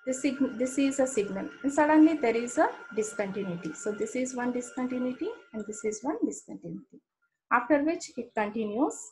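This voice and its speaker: A woman's voice: fairly high pitch, darkish tone, rough recording. A woman with an Indian English accent giving an engineering lecture, explaining step by step and often checking in with "okay". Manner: explanatory, frequent "okay" checks, repeats terms.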